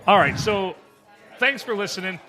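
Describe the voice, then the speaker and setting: A man's voice: high-pitched, expressive, normal speed, bright, forceful tone, faint music behind. A man hosting a podcast in casual comedic chat, joking and laughing often with his co-host. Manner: jokey, laughs often, playful banter.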